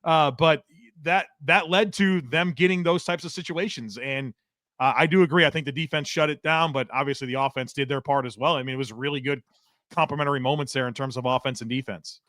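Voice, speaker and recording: A man on a sports podcast, talking football in an excitable, emphatic casual way. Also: mid-range voice, quick pace, no room sound, studio quality. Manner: excitable, emphatic, says he is catching his breath.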